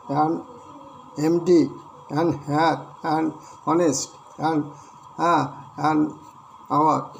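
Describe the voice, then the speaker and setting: A man with an Indian accent teaching an English grammar lesson, explaining slowly, repeating words and mixing English terms into Hindi. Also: on the high side, gravelly, a little hiss or hum.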